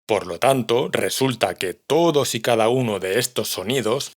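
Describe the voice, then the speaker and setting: A man's voice: medium pitch, normal speed. A man, patiently explaining a language lesson to learners. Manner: patient, clear explanation, addresses learners directly. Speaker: language teacher.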